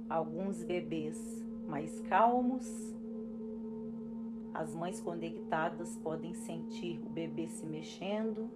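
A Brazilian woman calmly leading a guided breathing and relaxation exercise with unhurried pauses, as an instructor. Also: lowish voice. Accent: Brazilian Portuguese. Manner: slow, calm, instructing with pauses. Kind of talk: guided relaxation for expectant parents. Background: music.

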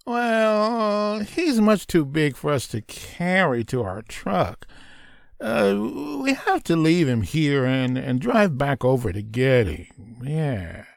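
A man's voice: a little high, big pitch swings, takes it slowly, vocal fry, no room sound, clean studio sound, full character voice. A man voicing a weary male hunter who talks hesitantly with fillers.

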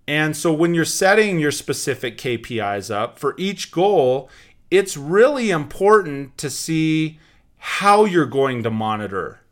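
Bright, forceful male business show host. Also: a little high. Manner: emphatic, instructive, repeats key points. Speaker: show host, sales trainer. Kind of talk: motivational business talk to an audience.

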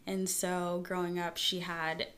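A woman's voice: on the low side, slow. Chatty woman fabric designer guest. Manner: animated, chatty storytelling. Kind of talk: casual interview conversation.

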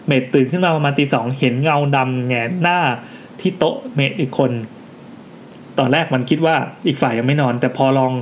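A man with a fairly high voice and a slight hiss or hum co-hosts a casual podcast, reading listener ghost stories aloud. He's animated and quick to react, tossing in jokey asides as he reads.

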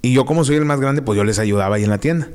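Young man, northern Mexican accent, slangy storyteller, mid pitch. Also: rapid-fire, clean tone. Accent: northern Mexican, Monterrey. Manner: slangy, animated, acts out quotes. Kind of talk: casual storytelling.

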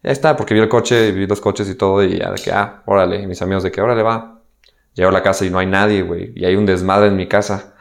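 This young male guest, who has a Mexican accent, tells a personal story candidly and with slang, acting out the dialogue he quotes. His voice sits low and creaky, his tone stays steady, and he talks fast.

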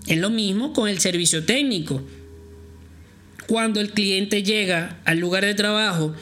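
A man's voice: high voice, a little slow, bright, forceful tone. A man hosting a podcast, giving direct, confident instructional advice and speaking straight to the listener. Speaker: podcast host giving repair-shop advice.

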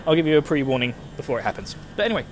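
A man's voice: mid-range voice, very animated, rapid-fire. A man with an Essex, Estuary English accent and slightly slurred, lazy diction, chatting casually and jokily to listeners as a gaming show host, with plenty of swearing. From Essex, England. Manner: sweary, jokey, informal. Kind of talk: casual chat, rambling to listeners. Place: outdoors, walking, urban surroundings. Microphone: handheld phone. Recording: noisy outdoor phone recording with traffic.

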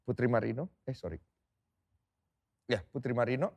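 A young man chatting casually as a podcast guest, telling an animated story full of mouth sound effects. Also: mid-range voice, normal speed, no room sound.

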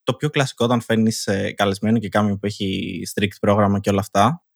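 A man's voice: lowish voice, level tone, gravelly, no room sound, studio quality. A man in his thirties hosting a casual podcast, telling a rambling story. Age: 30s. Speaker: podcast host.

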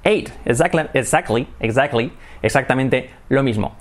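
A man with a Spain Spanish accent teaching English in a bilingual lesson, repeating words slowly and switching between English and Spanish. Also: medium pitch, animated.

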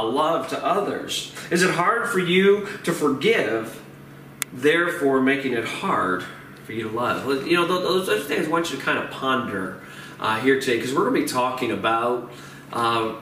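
Man in his forties preaching, halting and roomy. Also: medium pitch, a bit bright. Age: 40s. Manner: hesitant, repeats words and fills with uh. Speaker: pastor. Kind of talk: sermon. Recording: roomy, distant mic with faint noise.

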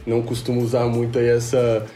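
Podcast guest: twenties, from Rio, laid-back slangy storyteller, echoey room. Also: male voice, mid-range voice, monotone, fairly quick, dark tone. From Rio de Janeiro, Brazil. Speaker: podcast guest, music producer. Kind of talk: casual chat. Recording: roomy, faint background noise.

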